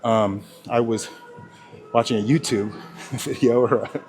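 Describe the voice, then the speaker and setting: A man's voice: medium pitch, steady tone, a little slow, darkish tone. A man talking casually in a gym vlog while out of breath, rambling and swearing, with lots of sidetracks. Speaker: fitness vlogger. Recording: music playing clearly behind.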